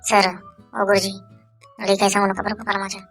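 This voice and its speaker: A woman's voice: mid-range voice, flat delivery, fast, fairly bright tone, close to an everyday voice. Woman voicing cheeky cartoon schoolboy Chhotu. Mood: pleading. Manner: pleading, wheedling. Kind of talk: cartoon voice acting. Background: background music.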